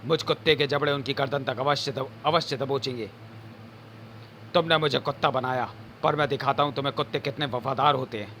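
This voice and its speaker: A man's voice: mid-range voice, fairly quick, sharp tone, slight background noise, natural voice. A man voicing a doctor turned into a vengeful, snarling dog-man who growls out menacing threats.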